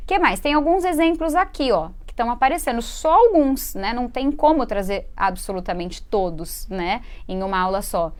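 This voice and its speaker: A woman from Brazil hosting a live English lesson, explaining grammar in Portuguese. She is patient and chatty, checks in with her viewers often, and slows right down to model English words and sentences. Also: fairly high pitch, animated. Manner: chatty teaching tone with frequent "né?" and "ok?" checks. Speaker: English teacher and host.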